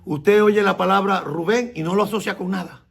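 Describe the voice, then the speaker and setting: Gravelly, high-voiced man preaching. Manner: explains slowly and repeats words, asks the congregation questions. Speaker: messianic rabbi teaching. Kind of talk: sermon.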